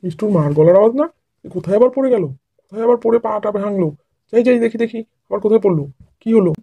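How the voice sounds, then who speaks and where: A man's voice: sits high, very fast, husky, phone-quality sound. A man playing a stubborn husband and father who avoids bathing and argues defensively. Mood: worried. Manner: defensive, scolding. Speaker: actor in a comic family skit.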